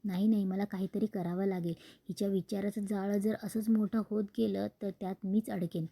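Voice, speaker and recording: A woman's voice: mid-range voice, level tone, a little fast, vocal fry, mellow, husky, no echo. A woman voicing a scheming middle-aged mother who talks with false sweetness.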